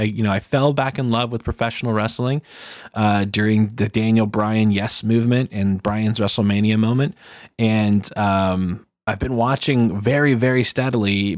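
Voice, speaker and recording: A man with a fairly low voice chats as a solo podcast host, earnest and conversational. The sound is dry and close, with little room around him. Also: dry recording. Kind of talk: casual solo podcast chat.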